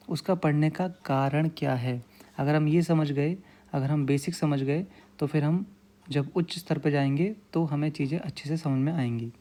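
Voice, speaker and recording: A man's voice: a little high, dark tone. A man teaching a grammar lesson, explaining patiently with lots of repetition and frequent check-ins with his students.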